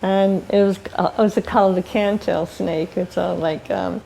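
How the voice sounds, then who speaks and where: An older woman, a filmmaker, telling animated stories in an interview and laughing often as she acts out what people said. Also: medium pitch, normal speed, vocal fry, slight background noise, low-quality recording. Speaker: filmmaker guest. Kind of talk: casual storytelling interview.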